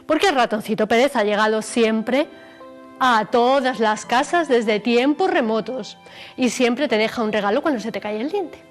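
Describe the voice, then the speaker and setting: A woman telling a children's story on television, animated and expressive. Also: on the high side, moderate pace. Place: television studio. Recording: faint music behind.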